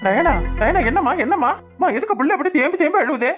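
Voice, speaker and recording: A woman voicing a man of the house who calms everyone down, repeating himself, in a southern Tamil Nadu accent. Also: high-pitched, faint music behind. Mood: concerned. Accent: southern Tamil Nadu dialect. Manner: rapid, calming, repeats words. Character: man of the house, uncle figure, peacemaking.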